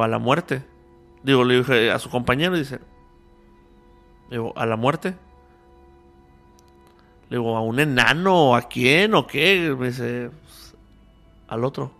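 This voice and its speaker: A man's voice: medium pitch, gravelly. A man with a Mexican accent, a podcast guest telling a story in casual conversation and acting out both sides of the dialogue he remembers. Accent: Mexican Spanish.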